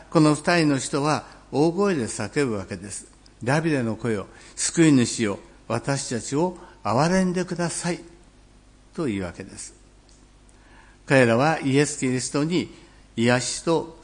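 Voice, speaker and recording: Man preaching a slow, measured sermon. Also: medium pitch. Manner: measured, reflective, slows down on key phrases; clears throat now and then. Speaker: pastor.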